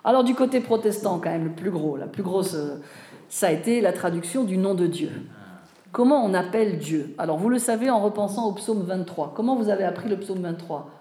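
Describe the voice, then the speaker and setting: A woman teaching about Bible translation to a live audience, talking conversationally and often turning to her listeners with questions and quick checks. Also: mid-range voice, animated, mellow. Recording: roomy echo.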